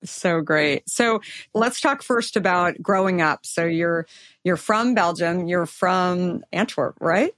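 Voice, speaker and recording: A middle-aged woman hosts an interview podcast, introducing her guest in an effusive, filler-laden way. Her voice sits on the low side, and the recording is dry and close with no room sound. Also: takes it slowly, a bit bright, no echo. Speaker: podcast host.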